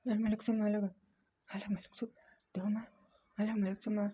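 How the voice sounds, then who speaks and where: A woman voicing a frail, dying old grandfather who talks slowly and weakly, sinking to a whisper. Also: mid-range voice, completely flat delivery, mellow, slight background noise, pitched below the performer's own voice, lightly acted. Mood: faint pleading. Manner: weak, slow, sinking to a whisper.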